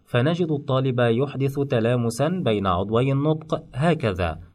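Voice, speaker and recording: Man calmly explaining pronunciation. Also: mid-range voice. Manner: measured, explanatory, demonstrates sounds. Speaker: phonetics teacher. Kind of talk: scripted instructional narration.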